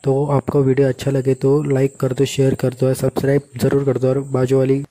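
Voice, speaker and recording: A young man chatting casually in commentary over his own building game, reacting loudly when mobs attack. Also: mid-range voice, monotone, moderate pace. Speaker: gaming YouTuber.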